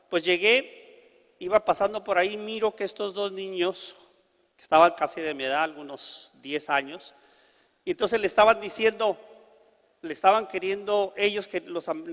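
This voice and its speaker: High-voiced preacher in echoing hall. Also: male voice. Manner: animated storyteller acting out dialogue. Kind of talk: storytelling sermon.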